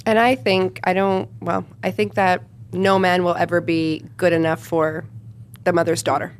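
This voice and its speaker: A woman's voice: fairly low pitch, level tone, normal speed, a little hiss or hum. A woman giving her opinions in a casual group chat.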